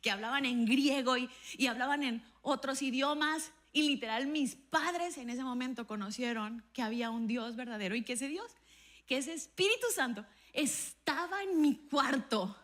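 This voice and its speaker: Woman pastor, sermon, bright voice, fairly high pitch, lively storyteller. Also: normal speed. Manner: animated storytelling, acts out dialogue with a raised voice. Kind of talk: sermon with personal testimony.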